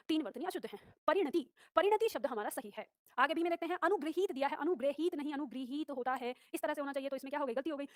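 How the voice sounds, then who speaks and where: A woman teacher rushing through exam questions and explaining each answer briskly. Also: sits high, dry recording, studio quality. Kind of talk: exam-prep class.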